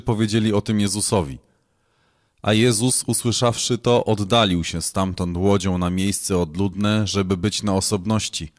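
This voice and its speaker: A man with a fairly low voice reads scripture aloud. His delivery is measured and solemn, every verse paced as a formal reading. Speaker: scripture reader.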